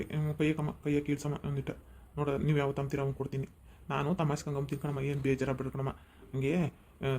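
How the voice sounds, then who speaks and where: A man's voice: fairly high pitch, a little mellow, a little hiss or hum, lightly acted. A man doing a joking old cloth peddler. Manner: joking, pleading, quick. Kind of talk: cartoon voice acting.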